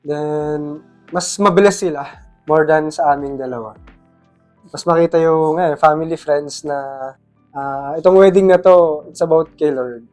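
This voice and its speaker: A young Filipino man casually telling his side of the proposal story, relaxed and pausing on fillers. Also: fairly high pitch, faint music behind. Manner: relaxed, easygoing, with many filler pauses.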